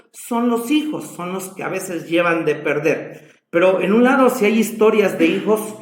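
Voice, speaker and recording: A man's voice: on the high side, echoey room. A man with a Mexican accent preaching a sermon in a church, dramatic and passionate in his storytelling. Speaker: pastor.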